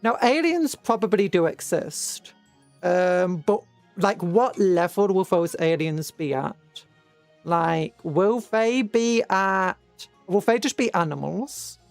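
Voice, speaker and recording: Over background music, this British VTuber talks slowly and expressively in a creaky mid-range voice, with no room sound. The livestream chat with viewers is casual and musing, rambling along with frequent self-corrections.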